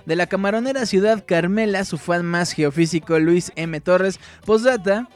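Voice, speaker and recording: A man's voice: high voice, normal speed. A man hosting a music show in a casual, jokey way, using slang and laughing often. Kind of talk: casual radio show chat.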